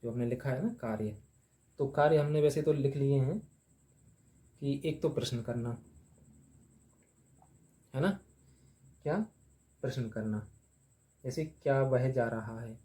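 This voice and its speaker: Writing on the board during a grammar lesson, this mellow, mid-range-voiced man slowly repeats every term. He asks his own questions and then answers them.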